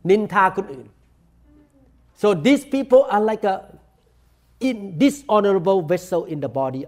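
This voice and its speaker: Man, Thai accent, high-pitched, slow-paced, bilingual sermon, deliberate English. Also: very animated, darkish tone. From Thailand. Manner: preaches each point in English then repeats it in Thai. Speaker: pastor. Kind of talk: bilingual sermon, self-translating.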